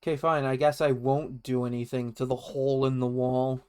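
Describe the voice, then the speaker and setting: A man with a clear, smooth voice at a middling pitch plays a game on a live stream. He comments casually as he goes, with a wry, playful manner, sometimes reading text off the screen. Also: flat delivery, moderate pace, darkish tone.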